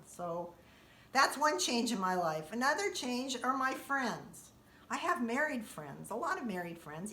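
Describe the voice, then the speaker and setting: A woman telling a comic monologue about her daily life, acting out quoted lines in a sudden high, loud voice. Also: distant mic. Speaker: comedian. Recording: echoey room.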